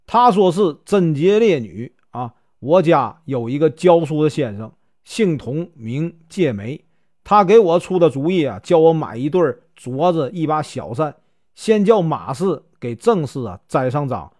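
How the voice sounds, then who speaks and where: A man's voice: on the high side, very animated, unhurried, darkish tone, dry recording, studio quality. A man voicing an arrogant rich male local bully who confesses his scheme in a storybook tale. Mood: confessing.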